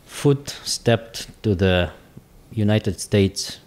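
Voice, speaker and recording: A man in his forties with a Russian accent, speaking in halting, searching English as an interview guest. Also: fairly low pitch, darkish tone. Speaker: guest, business owner. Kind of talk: casual interview talk.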